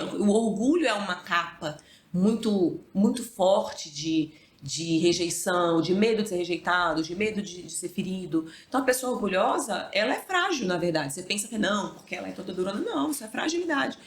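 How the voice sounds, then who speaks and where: Woman, thirties, casual chat, reflective, lively when quoting, echoey room. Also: mid-range voice, moderate pace.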